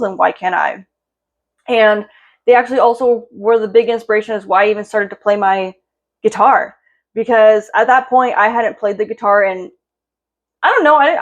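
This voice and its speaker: A woman's voice: on the high side, highs cut off. A young woman vlogger telling a heartfelt personal story in a rambling way, full of fillers and restarts, and emotional close to tears.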